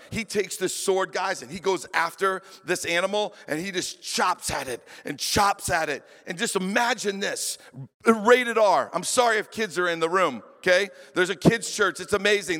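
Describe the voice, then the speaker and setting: A male pastor with a high-pitched voice preaches, retelling a story with vivid, animated energy. His voice rings through a church with long reverb. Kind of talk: sermon storytelling. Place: church hall. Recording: long reverb of a large hall.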